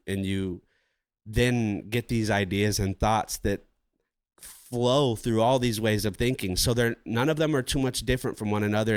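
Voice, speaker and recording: Animated, profane man on a podcast. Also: on the low side, smooth, dry recording. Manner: rambling, profane and animated, acting out his inner voice. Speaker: podcast co-host. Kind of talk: casual podcast chat.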